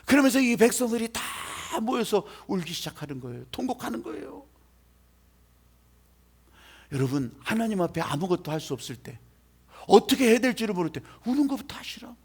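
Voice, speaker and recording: Impassioned high-voiced male pastor. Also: breathy edge. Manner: emotional, swings between loud exhortation and hushed speech. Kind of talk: sermon. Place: church sanctuary.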